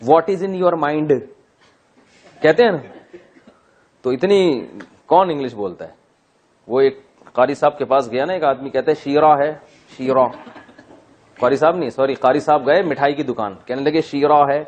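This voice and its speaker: Man teaching Arabic grammar, slightly high voice. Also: a little mellow. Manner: drawn-out, deliberate recitation of Arabic words, joking asides. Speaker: Quran teacher. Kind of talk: classroom Arabic grammar lesson. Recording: dull, muffled lecture recording.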